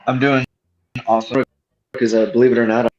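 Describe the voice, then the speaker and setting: A man talking casually as a guest while travelling, his audio cutting in and out at an uneven volume and his speech coming out in halting fragments. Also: mid-range voice, little pitch movement, darkish tone. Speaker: guest panelist. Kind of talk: casual chat. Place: travelling, on the move. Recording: dull, choppy mobile connection with faint music.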